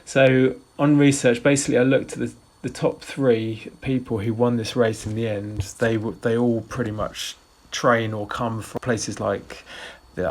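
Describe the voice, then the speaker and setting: A man in his forties giving a casual race report, rambling with frequent restarts and fillers. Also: mid-range voice. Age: 40s. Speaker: ultrarunner vlogger.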